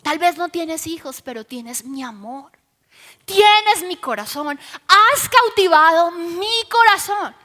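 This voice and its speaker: A woman preacher voicing a loving husband from a Bible story, speaking gently and reassuringly. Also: sits high, unhurried, hardly any pauses. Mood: tender. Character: tender loving husband of biblical times.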